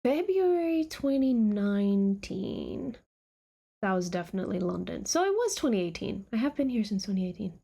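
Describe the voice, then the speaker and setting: A woman's voice: medium pitch, big pitch swings, normal speed, creaky, mellow, slightly rough. A woman live-streaming a reaction to her own old videos, chatting casually in a giggly, scattered, self-mocking way.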